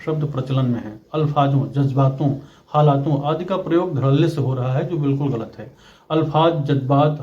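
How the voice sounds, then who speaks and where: A man explains correct usage in a precise, corrective teaching manner. His voice sits a little higher than most men's. The recording sounds slightly dull and lo-fi. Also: a little mellow. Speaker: channel host and language teacher. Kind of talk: scripted lesson on correct usage.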